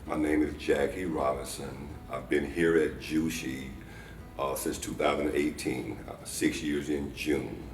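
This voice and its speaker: Very deep-voiced man, enthusiastic. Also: steady tone, measured pace, slight background noise. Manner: enthusiastic, grateful, many ums. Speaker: fabrication manager. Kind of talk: employee interview. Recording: roomy, distant mic, music behind.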